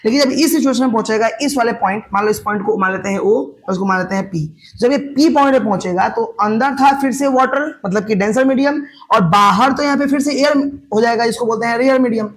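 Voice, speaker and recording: A man's voice: very high-pitched, fast talker, fairly bright tone, slight background noise. A male teacher lecturing at a board, explaining step by step, asking questions and answering them himself, with terms.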